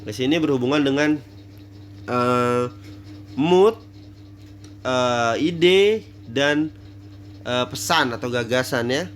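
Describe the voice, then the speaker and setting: A man's voice: medium pitch, slow pace, pauses often, slight background noise. A man giving a casual theater lecture, thinking aloud with many fillers and restarts.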